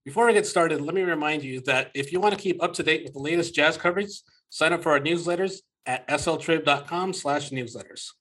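A man moderates a sports podcast in a conversational way. His voice sits a little high and has a bright, forward edge. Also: fairly quick, few pauses, low-quality recording.

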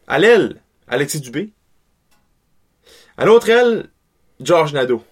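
Laid-back man, slightly high voice. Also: sing-song, measured pace, slightly rough. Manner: laid-back, short replies, lists picks. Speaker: podcast co-host. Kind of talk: casual hockey chat.

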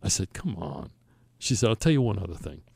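A man's voice: low voice, sing-song, brisk, gravelly, a little mellow, slightly rough, no echo, clean studio sound. An older man with a Brooklyn accent tells a personal story in an emphatic, conversational way, acting out the dialogue. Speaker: storyteller on a talk show.

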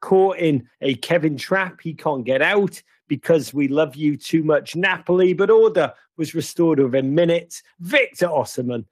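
A man's voice: a little high, husky, no room sound. A man hosting a football podcast, giving casual news commentary with wry, playful asides. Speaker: podcast host.

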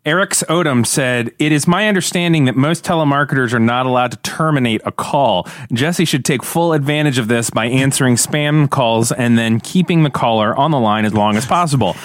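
A man co-hosting a podcast, reading listener feedback in a deadpan, mock-formal tone. His voice is mid-pitched, and the recording is dry and close. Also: a little fast, hardly any pauses, no room sound. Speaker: podcast co-host.

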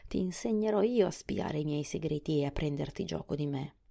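A woman voicing a scheming old witch in a storybook reading, shrill and excited in her outbursts. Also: a little fast, vocal fry. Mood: furious.

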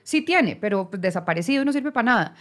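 A woman's voice: medium pitch, lively intonation, fast talker. A woman hosting a casual interview podcast, who reflects aloud and affirms her guest. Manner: engaged, affirming, conversational. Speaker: podcast host.

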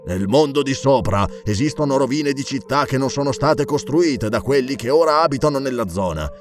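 Narrator reading a careful male explorer, slow, measured, weighing each word. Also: mid-range voice, expressive, faint music behind, close to an everyday voice.

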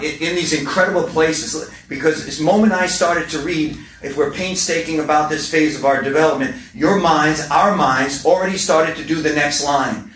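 Brief: middle-aged man, recovery meeting speaker, passionate storyteller, slightly high voice, roomy echo, off-mic. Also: fairly bright tone, recorded from a distance, a little hiss or hum. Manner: passionate storytelling with repetitions and humor. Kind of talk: speaker share talk. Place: meeting hall. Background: faint room ambience.

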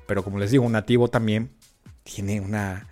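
A man with a Mexican accent, an English teacher giving a friendly, chatty podcast lesson with frequent filler pauses. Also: fairly low pitch, fairly even intonation, mellow, soft background music.

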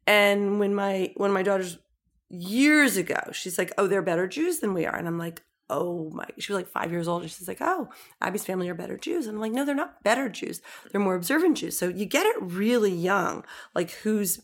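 With a mid-range voice and a fairly quick pace, this middle-aged woman guest is a lively storyteller in casual talk. Her speech is full of "like" fillers, and she mimics the voices of people she quotes.

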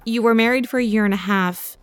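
A woman podcast host asking a guest questions in a calm, measured way. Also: a little high, faint music behind. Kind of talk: interview questions.

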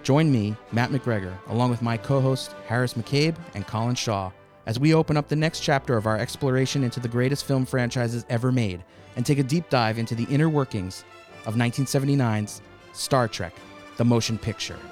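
A man's voice: medium pitch, a little fast, darkish tone, soft background music. A man hosting a film franchise podcast, reading a scripted intro with a dry, wry edge, then chatting casually with his co-hosts. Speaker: podcast host.

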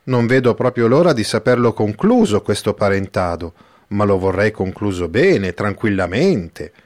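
A man's voice: on the low side, animated, normal speed, a little mellow, natural voice. A man reading the part of a timid, fretful older village priest, talking in fussy, rambling bursts. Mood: cautious. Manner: fussy, rambling, emphatic exclamations. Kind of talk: audiobook character reading.

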